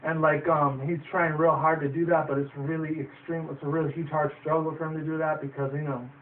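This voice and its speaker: A man's voice: fairly high pitch, little pitch movement, brisk. A young man giving a loose, profane, rambling movie review. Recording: distant tinny phone-like audio with faint noise.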